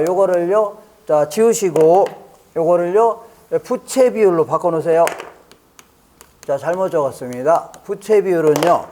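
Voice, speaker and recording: High-voiced man lecturing a class. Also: dark tone, slight background noise. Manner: repeats key phrases and often checks that students follow; jokes lightly with students. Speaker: exam prep lecturer. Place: classroom with students.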